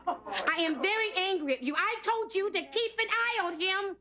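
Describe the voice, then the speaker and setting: An actress playing an exasperated mother of two boys in a sitcom, loud and scolding. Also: extremely high pitch, lively intonation, moderate pace, heavily acted. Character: frazzled, loud, bossy young housekeeper-mother. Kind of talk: sitcom acting.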